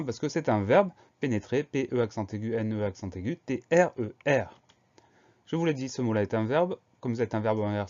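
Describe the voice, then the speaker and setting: Male teacher for a dictation lesson, patient and methodical, spells each letter, mid-pitched voice, slightly muffled lo-fi recording. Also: warm tone.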